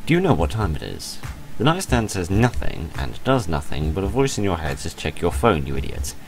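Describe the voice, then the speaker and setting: On a low-quality recording, a man with a low voice, huge pitch swings and vocal fry talks a little fast. He reads a visual novel aloud for his playthrough channel, mixing playful drama with casual commentary as game music plays.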